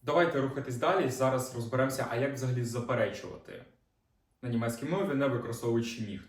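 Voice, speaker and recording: Guy teaching a lesson, calm step by step, roomy echo, bit far from the mic. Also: medium pitch, fast. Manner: patient step-by-step explaining, with fillers. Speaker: German teacher. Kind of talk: online language lesson.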